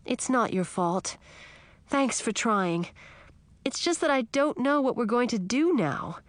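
A woman's voice: fairly high pitch, expressive, a little slow, no room sound, voice pushed up. A woman voicing a young woman turned into a frog, earnest and worried.

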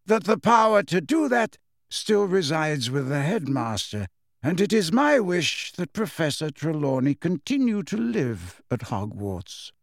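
A man's voice: a little high, big pitch swings, measured pace, creaky, no echo, clean studio sound, exaggerated voice. A man voicing a very old wizard headmaster who speaks pleasantly, courteously and without hurry.

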